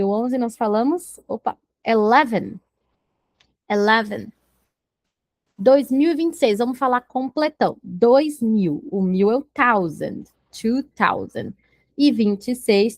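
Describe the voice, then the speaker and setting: A woman teaching a beginner English lesson, patiently slowing down to model each English word, her native language Portuguese. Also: mid-range voice, a little mellow, no echo.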